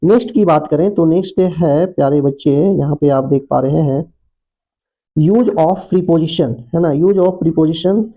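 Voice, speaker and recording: A man teaching an exam-prep grammar lesson, addressing viewers as children and reading English examples out slowly. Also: on the high side, warm tone. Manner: explanatory, addresses viewers as children, frequent tag questions. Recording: muffled lo-fi recording.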